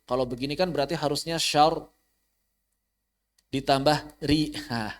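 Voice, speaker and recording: A man teaching Quran recitation rules in an online class, explaining plainly and chanting example words slowly. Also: fairly high pitch. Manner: addresses students directly, invites questions. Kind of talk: online tajwid lesson. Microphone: online class recording.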